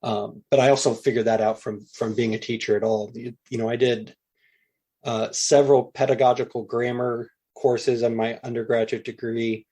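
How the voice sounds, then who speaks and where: A man's voice: mid-range voice, flat delivery, normal speed, mellow, breathy edge. A middle-aged man, a linguistics professor, answering interview questions in a thoughtful, conversational way with frequent fillers and restarts.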